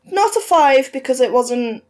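A woman's voice: high-pitched, lively intonation, measured pace, a little mellow. A woman co-hosting a book podcast, chatting in an easygoing, agreeable way and sometimes restarting her sentences. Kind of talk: casual book chat.

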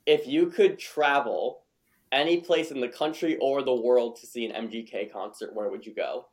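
A male podcast host with an ordinary, mid-range voice, talking in a loose, casual way. He is warm toward his guest and encouraging, and he circles back on his own words while he thinks. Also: medium pitch, moderate pace.

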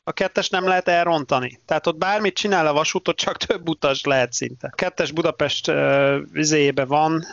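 Gravelly man arguing his point. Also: on the high side, fairly bright tone, no room sound, highs cut off. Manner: interrupts and argues emphatically, many restarts. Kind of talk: casual panel discussion.

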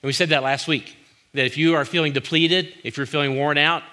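A man's voice: a little high, fairly even intonation, a little fast, pushed and bright. A male pastor preaching a sermon in short, repeated phrases for emphasis, with informal asides.

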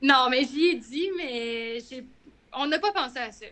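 A young woman with a Quebec French accent, chatting casually and telling a story in an animated way, acting out the lines she quotes. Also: sits high, unhurried. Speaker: guest runner. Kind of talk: casual podcast chat.

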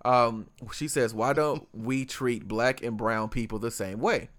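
A man's voice: mid-range voice, steady tone, a little slow, a bit bright. A man co-hosting a podcast in casual conversation, rambling with lots of fillers and restarts. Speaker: podcast co-host.

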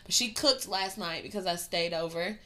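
Her voice is lowish, bright and forceful, at a normal speed: a young woman co-hosting a podcast while recovering from a cold. The chat is casual and profane, loaded with fillers like "um" and "like."

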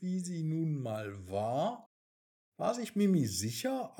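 Slow, husky-voiced male storyteller. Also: a little high, darkish tone. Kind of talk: bedtime story reading.

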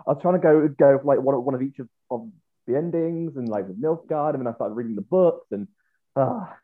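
A man guesting on a podcast, chatting casually in a hesitant way full of restarts. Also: medium pitch. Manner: hesitant, many fillers and restarts, quick bursts. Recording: tinny phone-like remote line.

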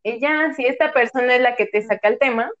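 A woman's voice: fairly high pitch, fairly quick, fairly bright tone. A woman chatting casually, often tagging her sentences with "¿sabes?". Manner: chatty, peppers speech with "¿sabes?". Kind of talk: casual chat. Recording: slightly dull lo-fi audio.

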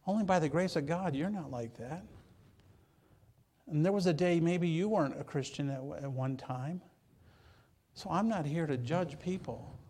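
A Michigan pastor's sermon comes in a fairly high, warm, slightly rough voice at a moderate pace. Casual and conversational, he jokes with his listeners and often says words twice as he starts a phrase.

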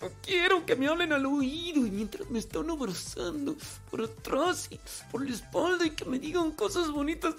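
A man voicing a complaining wife who wants hugs and mocks her husband with a high, drawn-out whine. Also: expressive, fairly bright tone, soft background music. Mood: whiny.

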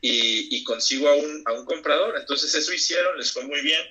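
A man's voice: a little high, fairly quick, bright, forceful tone, muffled recording. A man with a Mexican Spanish accent, chatting as an interview guest, reflective and full of restarts. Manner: reflective, many hesitations and restarts. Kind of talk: casual interview chat.

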